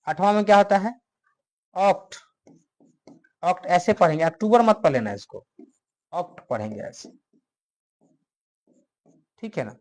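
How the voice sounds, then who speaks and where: A male teacher with a north Indian Hindi accent, giving a chemistry lecture that repeats each question and answers it himself for the class. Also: high voice. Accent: Hindi-speaking north Indian. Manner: repetitive question-and-answer drilling.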